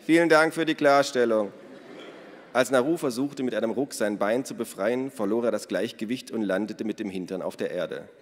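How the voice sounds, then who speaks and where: Guy reading a kids' story aloud, lively, long reverb around the voice. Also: on the low side, fairly quick, few pauses, slight background noise. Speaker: narrator. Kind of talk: audiobook reading.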